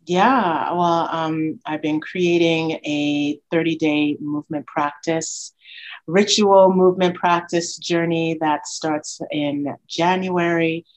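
Low, slow-speaking woman guest. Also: fairly even intonation. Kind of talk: casual interview talk.

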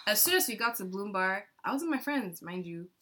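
A woman's voice: medium pitch, lively intonation, fairly quick, pushed and bright. A young woman guest on a podcast, chatting casually and teasing her friend as she tells the story. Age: young adult. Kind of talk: casual chat.

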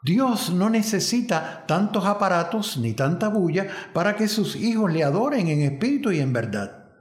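A man voicing a humble old peasant deaconess who speaks plainly and gently scolds. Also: sits high, big pitch swings, normal speed, echoey room, pitched above the performer's own voice. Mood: earnest scolding.

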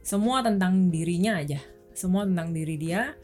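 A young woman from Indonesia talks openly about her own experiences in a relaxed chat, her voice sitting on the low side. Faint music plays quietly beneath her words. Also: normal speed. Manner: candid, personal storytelling. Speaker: guest. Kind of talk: casual chat.

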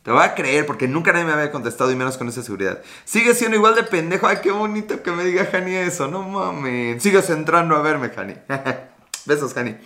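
A man's voice: a little high, brisk, bright, forceful tone. A Mexican man in his late thirties hosting a casual livestream, reading viewer comments in a scattered, joking, profane way. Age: late 30s. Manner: rambling, scattered, swears often. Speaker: livestream host.

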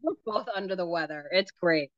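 A woman's voice: lowish voice, lively intonation, moderate pace, dry recording, dull audio. A woman co-hosting a podcast in casual chat, sick and coughing, joking around. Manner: chatty, joking. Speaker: podcast co-host.

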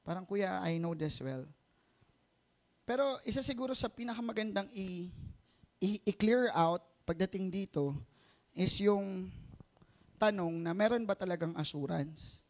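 A Filipino man delivers a sermon in a mix of Tagalog and English. His voice sits a little high for a man. He talks conversationally, using rhetorical tag questions to seek agreement. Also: normal speed. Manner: switches between Tagalog and English. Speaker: preacher.

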